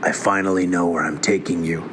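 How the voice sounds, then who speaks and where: A man voicing a terse masked male bounty hunter in a low, flat, clipped delivery. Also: brisk, noisy background, close to an everyday voice.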